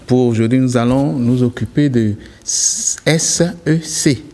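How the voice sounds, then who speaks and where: A man presenting a language segment on a morning TV show, briskly chiming in with short agreements. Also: medium pitch, darkish tone.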